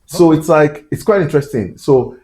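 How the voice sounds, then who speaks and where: A man's voice: on the high side, moderate pace, a little mellow. A man hosting a science podcast, talking in a casual, rambling way with many fillers. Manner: chatty, lots of fillers and asides. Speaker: podcast host. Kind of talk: casual interview chat. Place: Glasgow.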